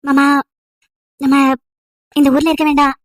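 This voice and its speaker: A woman's voice: high voice, flat delivery, unhurried, no room sound. A woman as a sad devoted young wife. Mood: tender. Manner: earnest, tender pleading. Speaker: storyteller voicing all parts.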